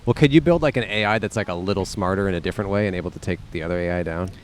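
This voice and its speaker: A man's voice: low-pitched, rapid-fire, slight background noise. A man hosting a podcast outdoors, chatting in a playful, jokey way and reading an ad. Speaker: podcast host. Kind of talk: casual chat and ad read. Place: outdoors on a college campus.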